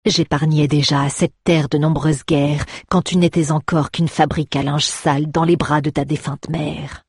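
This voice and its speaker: A woman's voice: fairly low pitch, a little mellow, slightly rough, dry recording, clean studio sound. A woman voicing a scheming middle-aged baron, lazy, mocking and drawling, in a storybook reading. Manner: drawling, sarcastic, turning menacing.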